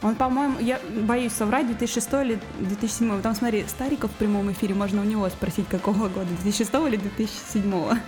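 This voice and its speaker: A woman's voice: mid-range voice, steady tone, rapid-fire, hardly any pauses. A woman guest on a radio show, talking casually about music with lots of fillers and restarts. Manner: hesitant, many fillers and restarts.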